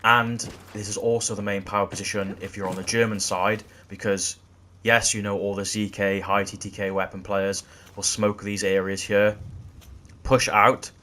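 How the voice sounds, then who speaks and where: A man walking through video game tactics in a gameplay tutorial, explaining in a steady way that often repeats "again". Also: fairly low pitch, normal speed. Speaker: gaming channel host.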